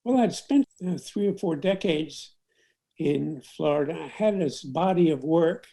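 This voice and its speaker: An older man, a photographer, telling stories from his career in an unhurried interview, with many fillers and restarts. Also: fairly high pitch, animated, vocal fry, mellow. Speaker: documentary photographer. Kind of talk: reflective storytelling interview.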